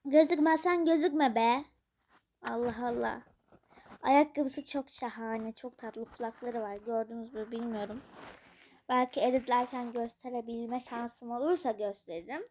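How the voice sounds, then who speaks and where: A woman's voice: a little high, fairly even intonation, unhurried, darkish tone. A woman casually commenting while playing a mobile game, chatty and gushing over new items, sometimes talking to her character. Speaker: gaming YouTuber.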